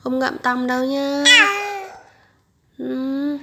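A young woman, hoarse from a flu, coaxing her baby and chatting to viewers in a casual home vlog. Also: sits high, monotone, extremely slow, heavy background noise. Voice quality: gravelly, husky voice. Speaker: mother vlogging with her baby. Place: home bedroom, on the bed.

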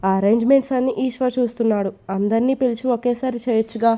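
A gentle middle-aged mother in a read-aloud family story, calm and reasonable, as a woman voices her. The tone is mellow and warm, fairly high. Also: quick pace, lightly acted.

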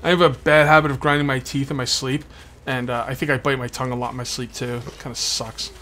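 A man's voice: mid-range voice, level tone, quick pace, pushed and bright. Man with sore tongue, casual game commentary. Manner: talking with a sore, bitten tongue; rambling, repeats himself. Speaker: host of a video game let's play series. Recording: background noise, game ambience behind voice. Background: video game ambience.

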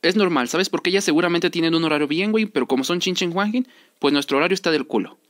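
A man's voice: a little high, quick pace, fairly bright tone. A young man with a Mexican accent giving casual, rambling game commentary in slangy, informal speech, repeating himself for emphasis. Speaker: gaming video creator. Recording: music under the voice.

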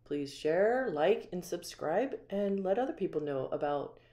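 A woman's voice: lowish voice, expressive, measured pace, dark tone. A woman with an American accent giving an upbeat walkthrough tour of an empty small home, listing its features one by one as she holds the camera off screen. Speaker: community home tour guide.

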